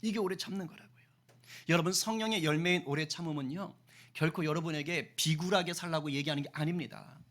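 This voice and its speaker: Male pastor, sermon delivery, high bright tone, animated and questioning. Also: brisk. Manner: animated preaching with acted-out quotes and rhetorical questions.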